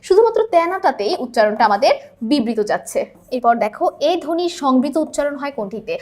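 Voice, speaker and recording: A woman's voice: sits high, very animated, fast talker, darkish tone. A woman teacher working through exam questions step by step, asking questions and answering them herself and checking that her students follow. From Bangladesh. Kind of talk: exam-prep lesson, solving multiple-choice questions.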